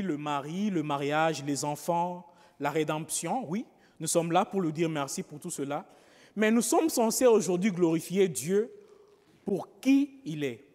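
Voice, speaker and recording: Slow-preaching priest in reverberant church. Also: male voice, high voice, a little mellow. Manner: slow, pausing, with frequent rhetorical "n'est-ce pas". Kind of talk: homily.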